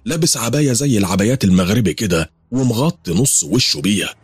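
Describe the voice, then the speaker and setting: A man's voice: fairly low pitch, expressive, quick pace, slightly rough, dry recording, pitched above the performer's own voice. A man voicing an eerie veiled woman who sees spirits. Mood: ominous insistent. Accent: Egyptian. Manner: insistent, ominous, matter-of-fact. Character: strange veiled woman claiming to see spirits.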